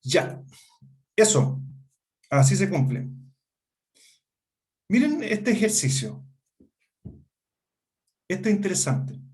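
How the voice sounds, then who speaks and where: A man's voice: high-pitched, sing-song, slow pace, pauses often, a little mellow. A middle-aged man with a Chilean Spanish accent, teaching a law seminar and often checking whether students follow. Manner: explanatory, asks students rhetorical check-ins. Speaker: law lecturer. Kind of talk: seminar lecture.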